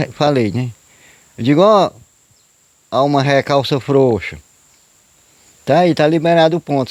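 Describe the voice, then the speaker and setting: A man's voice: medium pitch, a little mellow, no echo. A man, telling a true story in a rambling, repetitive, folksy way, often adding "né?". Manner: rambling, repetitive folksy narration with frequent "né?" and "eu digo". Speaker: storyteller guest. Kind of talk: casual spoken storytelling of a true tale.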